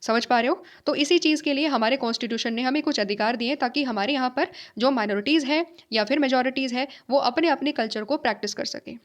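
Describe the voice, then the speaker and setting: A woman's voice: sits high, fast, few pauses. A woman teacher giving a lecture, asking and answering her own questions, repeating key points and checking that her students follow. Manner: mixes in English phrases, checks understanding with tag questions. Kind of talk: classroom lecture.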